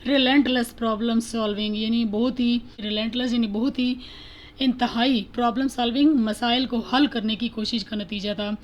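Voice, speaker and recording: A woman teaching an English lesson, reading each textbook line slowly and then explaining it in Urdu. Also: fairly high pitch, fairly even intonation, dull audio.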